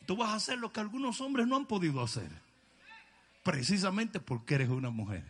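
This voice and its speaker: A man voicing God as a calm, reassuring figure, speaking low and gentle. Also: fairly quick, slightly rough, heavily acted.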